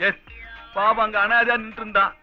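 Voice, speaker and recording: An actor playing a scheming rich landlord who brags about riches and talks smoothly. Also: male voice, sits high, level tone, a little fast, soft background music, close to an everyday voice. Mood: boastful. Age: middle-aged. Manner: boastful, smooth-talking. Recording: dull lo-fi film audio with score.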